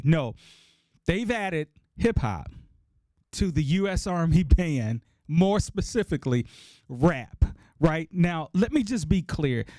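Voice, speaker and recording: A man's voice: on the high side, darkish tone, dry recording, studio quality. A middle-aged man hosting a podcast, talking casually and emphatically to listeners, repeating key points for effect. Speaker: podcast host.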